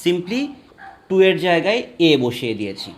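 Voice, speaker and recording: A man teaching a math lesson, slowly spelling out each step and counting aloud for his students. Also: sits high, big pitch swings. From Bangladesh. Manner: slow, deliberate, spells out steps and counts aloud. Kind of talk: classroom math lecture.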